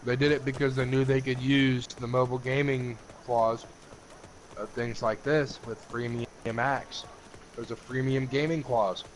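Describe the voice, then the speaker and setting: A man with a medium-pitched voice chats casually while co-playing a video game. He is blunt and joking, and he swears freely. Faint game sounds play behind him. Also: flat delivery, measured pace, a little hiss or hum, poor audio. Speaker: co-player. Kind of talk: casual gameplay chat.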